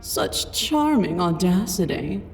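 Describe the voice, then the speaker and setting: A woman voicing a towering giant princess in a video game, slow, lordly and condescending, with a booming, magically amplified voice. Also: big pitch swings, gravelly, soft background music, exaggerated voice. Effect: booming, magically amplified voice with long reverb.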